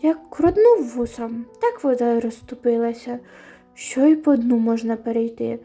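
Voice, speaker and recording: A woman storyteller reading a folk tale at bedtime, with steady storybook narration and a folk-tale rhythm. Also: on the high side, normal speed, faint music behind.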